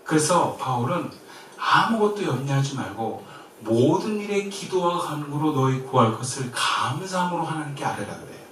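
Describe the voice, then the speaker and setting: A Korean man preaching in a very echoey church, picked up from a distance with faint ambience behind him. His voice moves lively up and down, from emphatic declarations to hushed, gentle words of comfort. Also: on the high side, moderate pace, few pauses, a little hiss or hum. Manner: lively, shifts between loud and soft, quiet gentle quoted comfort. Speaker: pastor. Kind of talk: sermon. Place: church sanctuary.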